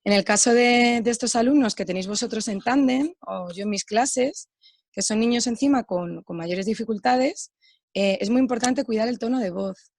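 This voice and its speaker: A woman, a teacher, making an earnest, measured comment during an online workshop. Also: fairly high pitch, darkish tone, no room sound, studio quality.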